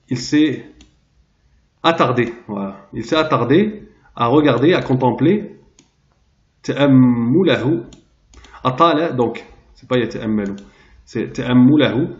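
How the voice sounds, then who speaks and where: A man teaching a translation lesson, pausing often and searching aloud for the right word. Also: medium pitch. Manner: hesitant, searching aloud for words. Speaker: Arabic teacher. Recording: roomy, dull lo-fi sound.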